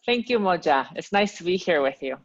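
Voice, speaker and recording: Guest: Peruvian-born woman, low voice, friendly and chatty, muffled lo-fi audio. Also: animated, fairly quick. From Peru. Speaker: guest, language teacher. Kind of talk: casual interview chat.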